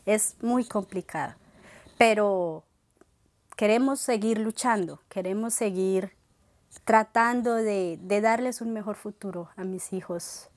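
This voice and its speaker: A woman from Colombia with a Colombian Spanish accent, a mother giving an earnest, measured interview testimony with some halting restarts. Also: mid-range voice, no echo.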